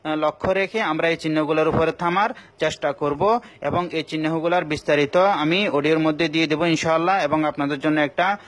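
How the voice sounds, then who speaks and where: A man with a Bangladeshi Bengali accent teaching Quran recitation rules in a recorded class, patient and repeating each point, with slow chanted examples. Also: fairly high pitch, steady tone, a bit bright, slight background noise.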